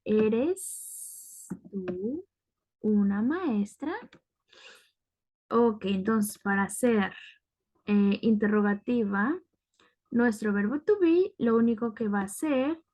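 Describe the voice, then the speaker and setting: A woman's voice: mid-range voice, lively intonation, slow, pauses often, dark tone. A woman teaching a grammar lesson, patient and methodical, often checking in with the class. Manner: patient, repeats "ok" to check understanding. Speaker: English teacher.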